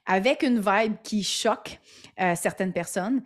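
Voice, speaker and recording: A young woman with a Québécois French accent, a guest entrepreneur on a podcast, talking quickly and emphatically with frequent laughs and restarts. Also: mid-range voice. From Quebec, Canada. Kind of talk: podcast interview.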